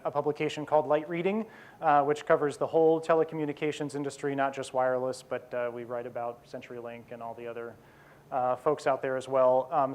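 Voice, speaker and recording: A man in his forties giving a conference keynote, quick and self-deprecating, with many fillers and restarts. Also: medium pitch. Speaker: keynote speaker. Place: conference hall.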